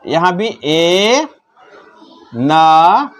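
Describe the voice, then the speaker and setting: A man teaching the alphabet to children in a slow, repetitive classroom manner, asking questions and repeating each sound. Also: fairly high pitch, big pitch swings. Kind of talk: classroom-style alphabet lesson.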